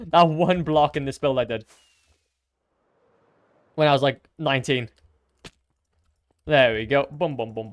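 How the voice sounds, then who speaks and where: Chatty young man streaming, smooth voice. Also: a little high, no room sound. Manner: chatty, self-mocking, hums little sound effects. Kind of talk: casual live-stream commentary while building.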